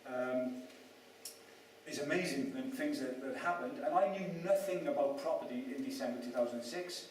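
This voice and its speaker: At a property event, a man raised in Wales gives a chatty talk full of self-mockery, turning to the audience with questions. His voice is medium in pitch at a moderate pace. It is recorded from a distance in an echoey room, with a little hiss or hum.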